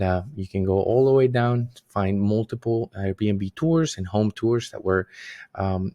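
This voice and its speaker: Speaking straight to the camera, a real estate agent from Colombia introduces himself in a self-introduction vlog. His pitch is fairly low with a slightly mellow quality, and his loose, filler-heavy delivery feels easygoing and earnest. He's set up in a small, dim home studio with colored lights.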